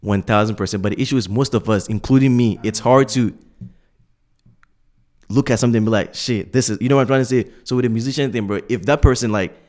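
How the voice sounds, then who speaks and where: A man's voice: medium pitch, fast talker, darkish tone. A man in casual conversation, explaining his view earnestly in slangy, informal language.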